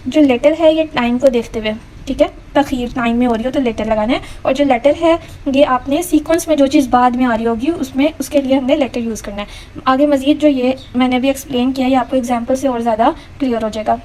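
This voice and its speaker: A woman grammar teacher patiently explaining rules step by step and reading example sentences slowly. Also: high voice, darkish tone, low-quality recording. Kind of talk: explaining a lecture.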